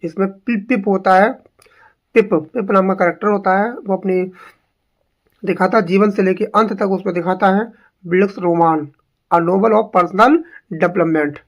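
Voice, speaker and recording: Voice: mid-range voice, steady tone, measured pace. Exam-prep English teacher; repeats every term and poses rhetorical questions. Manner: drills each word by repeating it, asks rhetorical questions.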